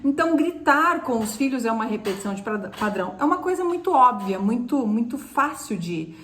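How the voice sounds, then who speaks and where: Emphatic high-voiced Brazilian woman mentor. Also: very animated, brisk, fairly bright tone, a little hiss or hum. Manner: emphatic and instructive, often addresses viewers directly. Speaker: co-host of a mentoring live stream. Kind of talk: casual mentoring talk.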